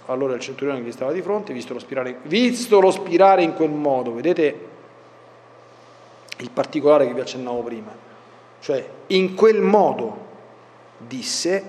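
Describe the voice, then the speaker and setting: Priest teaching Bible class in echoing hall. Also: male voice, mid-range voice, a little mellow, a little hiss or hum. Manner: reads scripture then explains with asides. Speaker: priest giving Bible catechesis. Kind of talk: Bible study lesson. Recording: long hall reverb.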